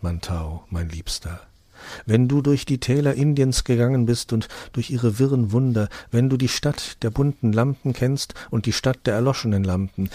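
In a fairy tale reading, a man voices a serene, divine queen of a far-off realm, speaking calmly, solemnly, and tenderly. His mid-range voice is lightly acted, and the recording is dry.

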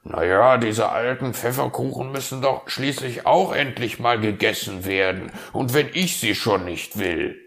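A man's voice: medium pitch, measured pace, creaky, few pauses, fairly bright tone, voice pushed up. A man voicing a flustered, stingy male fox who blusters with silly oaths in a storybook reading. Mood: sheepish.

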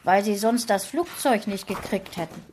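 A woman's voice: medium pitch, normal speed, a little mellow, slight background noise, natural voice. A woman voicing a regretful husband and dog owner in a subdued, sorry tone. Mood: remorseful. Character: remorseful middle-aged husband, a dog's owner.

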